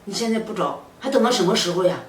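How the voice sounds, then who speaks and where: A woman's voice: mid-range voice, lively intonation, quick pace, a little hiss or hum, lightly acted. A woman playing a pushy matchmaking aunt. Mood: coaxing. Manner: coaxing, persuasive. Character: pushy middle-aged neighbor aunt, matchmaker. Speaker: neighbor aunt. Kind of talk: short web drama acting. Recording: echoey room.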